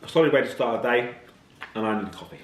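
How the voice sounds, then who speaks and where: A man's voice: mid-range voice, lively intonation, quick pace, a little hiss or hum. Chatty man vlogging in a roomy kitchen. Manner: chatty, blunt, matter-of-fact. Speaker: fitness coach. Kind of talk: casual vlog talk to camera.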